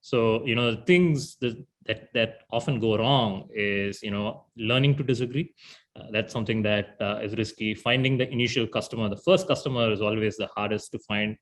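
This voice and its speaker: A man's voice: lowish voice, moderate pace. A man, a startup founder from India, answering interview questions in a thoughtful way with frequent "you know".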